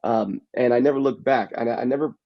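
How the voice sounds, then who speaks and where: On a casual panel, a capoeira practitioner and actor from the San Francisco Bay Area speaks haltingly and reflectively, searching for words. His voice is medium-pitched and the recording's highs are cut off.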